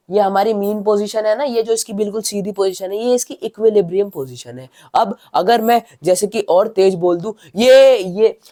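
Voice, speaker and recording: With a high voice, a man tutors a science class, demonstrating by shifting between loud and soft speech. Sentence endings drop off quietly, and he repeats phrases, answers his own rhetorical questions and reads English definitions slowly, one word at a time.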